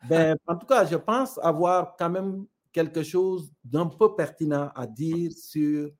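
A middle-aged man from Senegal, his voice a little high, takes his time as he tells parables. He speaks French with a Senegalese accent, and as a guest in this reflective conversation he sounds thoughtful and convinced.

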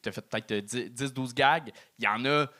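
A man with a Quebec French accent, judging a comedy act and giving halting feedback, often repeating words. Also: medium pitch, sharp tone. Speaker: comedy show judge. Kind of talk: critique of a comedy set. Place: live comedy club.

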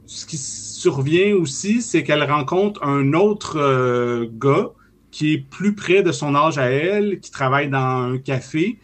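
A man in his forties with a Quebec French accent, chatting casually about a film and pausing often on fillers. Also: a little high. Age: 40s. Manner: relaxed, hesitant with many fillers.

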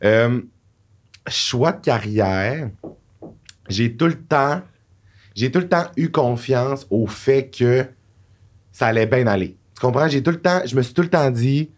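A man's voice: medium pitch, unhurried, pauses often. A man in his twenties with a Quebec French accent, a podcast guest telling stories in casual chat and laughing often. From Saguenay, Quebec. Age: 20s. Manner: animated storyteller, laughs often.

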